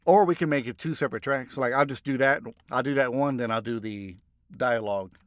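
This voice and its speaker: A man's voice: medium pitch, a little fast, dry recording, studio quality. A man voice actor in a recording booth, reading first-person narration takes and muttering to himself between them, often starting lines over. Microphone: studio microphone.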